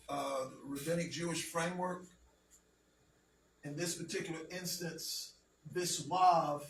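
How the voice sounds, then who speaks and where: A man leads a classroom lesson in a high, slow, deliberate voice, pausing often to check that his students follow. He is recorded from a distance in an echoey room with a faint hum of noise behind him. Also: fairly bright tone. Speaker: teacher.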